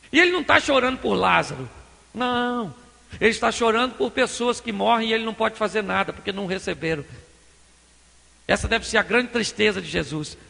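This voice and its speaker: A man preaching a sermon as pastor, animated and acting out scenes with changing voices. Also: high-pitched, gravelly, big-room sound.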